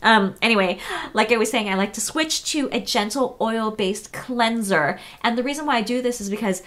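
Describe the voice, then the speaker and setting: This woman is a beauty vlogger from the US, somewhere in her thirties, with a slightly high and somewhat bright voice. She chats loosely through her tutorial, full of fillers and fast self-corrections.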